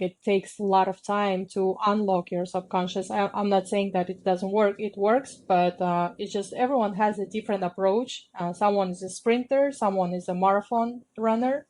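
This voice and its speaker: Appearing as an interview guest, this sound healer and musician from Kazakhstan, a native Kazakh speaker, reflects slowly in a mellow, medium-pitched voice. She speaks haltingly, pausing often and using lots of fillers.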